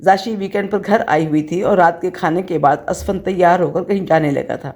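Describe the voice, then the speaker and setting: A woman reads a novel aloud as an audiobook narrator. Her voice sits low and mellow, with a steady, even delivery.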